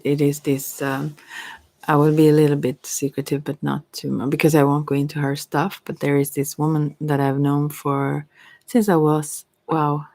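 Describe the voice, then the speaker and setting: A middle-aged woman, an ASMR tarot reader, chats informally and rambles close to the microphone. Her voice is low, creaky, and a little mellow, with no room sound. She comes across as hesitant and meandering, dropping in giggly asides.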